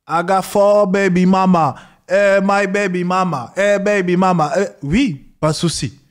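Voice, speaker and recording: A man giving scornful reaction commentary, lecturing and mocking the people in the clip. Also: darkish tone. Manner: mocks others with high squeaky voices.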